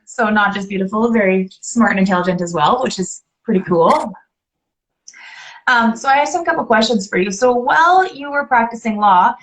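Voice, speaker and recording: A Canadian host from Alberta runs a live online interview in a relaxed way, upbeat and talkative, frequently saying things twice. Her voice is a little high and slightly bright, and the recording quality is low.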